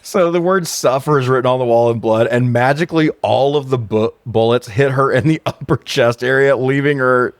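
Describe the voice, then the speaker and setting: A podcast co-host on a casual movie-review show, this man recaps plots in a sweary, irreverent, joking way. His voice is medium-pitched and he talks at normal speed with few pauses, with no room sound.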